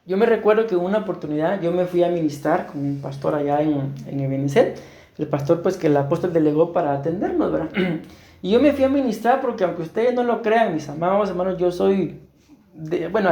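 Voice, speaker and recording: Costa Rican male pastor, mellow tone, preaching with roomy church echo. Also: high voice. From Costa Rica. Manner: earnest, asks the congregation rhetorical questions. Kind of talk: sermon. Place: church hall.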